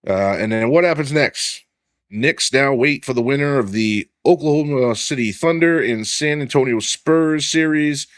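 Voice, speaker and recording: A man's voice: medium pitch, moderate pace, dry recording, clean studio sound. A man hosting a casual sports podcast, swearing freely and leaning on fillers while he reads off stats. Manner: loose and profane, heavy on filler "like", reads stats aloud. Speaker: podcast host.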